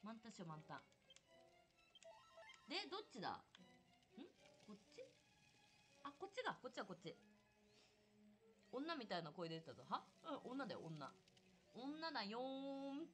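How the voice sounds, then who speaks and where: Young woman streaming a game, chatty and excitable, bright sharp voice, faint game music behind. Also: medium pitch, normal speed, long pauses. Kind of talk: casual live gameplay commentary.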